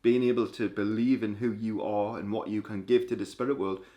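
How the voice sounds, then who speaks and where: A man's voice: lowish voice, fairly even intonation, fairly quick, warm tone. A man hosting his channel, chatting casually and playfully about mediumship and lecturing his viewers with energy. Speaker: channel host. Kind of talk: casual spiritual chat.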